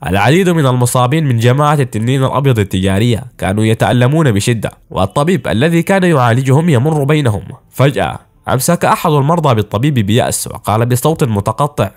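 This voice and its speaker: A man narrating an anime plot recap in a brisk storytelling style, with casual asides. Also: medium pitch, lively intonation.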